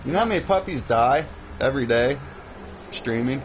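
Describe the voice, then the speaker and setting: A man co-hosting a casual let's-play video, joking and rambling through drawn-out asides. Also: mid-range voice, lively intonation. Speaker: gaming video co-host. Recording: dull lo-fi with game music.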